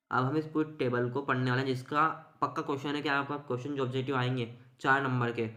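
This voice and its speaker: A man's voice: medium pitch, a bit bright, roomy sound. A man teaching an exam-focused chemistry lesson, explaining with everyday examples and mixing English terms.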